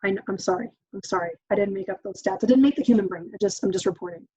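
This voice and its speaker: This woman races through her informal parenting workshop in a mid-range, mellow voice with a breathy edge, recorded without echo. Chatty and casual, she often acts out parent-child exchanges and fills her speech with "um"s.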